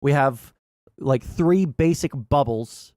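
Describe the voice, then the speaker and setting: Recorded in clean studio sound with no room tone, this man speaks in a mid-range voice with a darkish tone. As host of an easygoing gaming livestream, he's blunt and sweary, rambling through halting explanations and frequently asking "right?".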